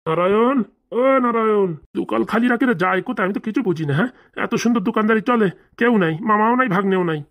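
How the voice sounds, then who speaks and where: A woman's voice: mid-range voice, fast talker. A woman voicing characters in a comedy cartoon, chatty and scolding. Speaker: cartoon voice actor. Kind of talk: cartoon voice acting.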